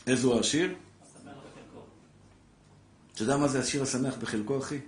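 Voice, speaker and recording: A man, a rabbi, giving an impassioned Torah class to a live audience, calling listeners brother and building to loud exhortation. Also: mid-range voice, steady tone. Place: lecture room with a live audience. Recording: echoey room with faint background noise.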